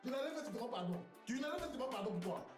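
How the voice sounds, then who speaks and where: An actor playing a defiant, mocking young husband with an Ivorian French accent who talks back shrilly. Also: male voice, extremely high pitch, expressive, rapid-fire, echoey room, over music.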